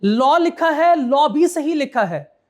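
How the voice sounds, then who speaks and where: A man's voice: very high-pitched, animated, takes it slowly. A man giving a classroom law lecture, quizzing students and repeating his key points.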